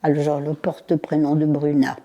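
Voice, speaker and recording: Interviewee, woman in her nineties, low, mellow voice, halting, unhurried recollection. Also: completely flat delivery, highs cut off. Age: 90s. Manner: halting, with pauses, fillers and repeated words. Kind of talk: recalling her childhood in an interview.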